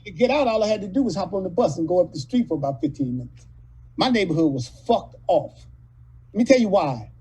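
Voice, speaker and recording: A man in his late fifties from California, telling rough, profane stories as a guest in a casual interview. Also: sits high, expressive, a little fast, warm tone, low-quality recording. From California, USA. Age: 50s. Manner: profane, rambling, street-talking storyteller. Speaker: actor guest.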